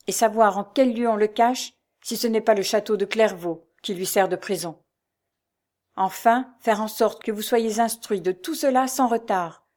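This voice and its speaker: A woman's voice: mid-range voice, a little mellow, close to an everyday voice. A woman reading the part of an old former nurse, fervent and tearful, in a storybook reading.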